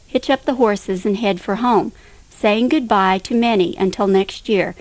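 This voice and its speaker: A woman reading a nostalgic memoir aloud as a narrator, in a steady, unhurried storytelling manner. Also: medium pitch, no room sound, poor audio.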